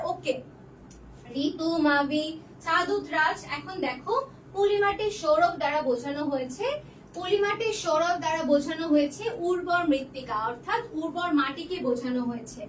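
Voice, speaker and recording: A woman's voice: extremely high pitch, fairly bright tone, echoey room, recorded from a distance, a little hiss or hum. A young woman teaching a live online exam revision class, quizzing students and repeating each answer twice. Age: young adult.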